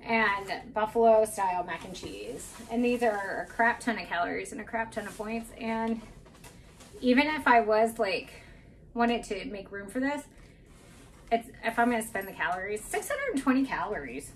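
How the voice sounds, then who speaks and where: A woman's voice: medium pitch, lively intonation, normal speed, recorded from a distance, a little hiss or hum. A woman in her thirties chatting casually and candidly through her groceries in a home kitchen. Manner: chatty, candid, self-deprecating asides. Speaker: vlogger. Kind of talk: casual grocery haul chat. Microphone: camera mic at a few feet.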